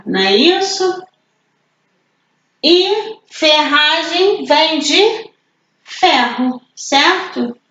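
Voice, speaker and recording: A Brazilian woman teaching an online class for children, patient and slow, asking questions and answering them herself. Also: sits high, echoey room, rough recording. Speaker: primary school teacher.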